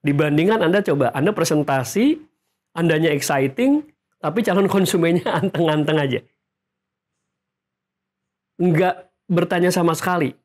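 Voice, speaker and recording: A male sales trainer speaks in a lively, coaching way, addressing viewers directly. His voice sits somewhat above the usual male range. He lists the points and checks in with the listeners as he goes. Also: fairly high pitch, normal speed, pauses often. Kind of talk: instructional video talk to camera.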